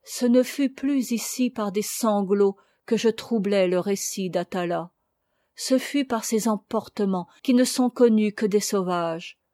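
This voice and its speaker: A woman narrating a classic novel as an audiobook reader, in a measured, dramatic manner. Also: medium pitch, warm tone, no echo, clean studio sound. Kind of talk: literary narration.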